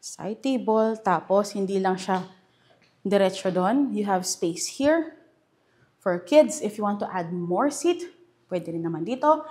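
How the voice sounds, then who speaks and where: A woman's voice: medium pitch, lively intonation, takes it slowly, darkish tone. A young woman with a Filipino accent giving a casual house tour, chatty and enthusiastic as she points out features room by room. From Philippines. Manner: chatty and enthusiastic, mixing Tagalog and English. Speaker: real estate house tour host. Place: indoors in a furnished house.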